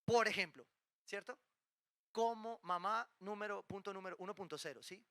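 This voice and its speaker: High, bright-voiced male pastor preaching. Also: moderate pace, slight background noise. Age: adult, married with children. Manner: lively preaching with rhetorical questions and playful asides. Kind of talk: sermon.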